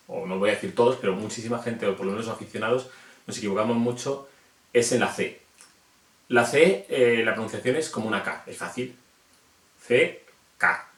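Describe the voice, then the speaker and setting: A Spanish man with a Spanish accent, a reptile hobbyist, explains names to video viewers in a casual, self-deprecating chat. His voice is medium-pitched and a bit bright, at a moderate pace. The room he's recording in is echoey.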